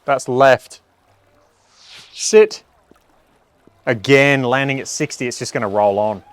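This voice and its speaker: A man's voice: medium pitch, moderate pace, no room sound. A man giving a casual hands-on review, chatting and reacting aloud as he plays. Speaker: product reviewer.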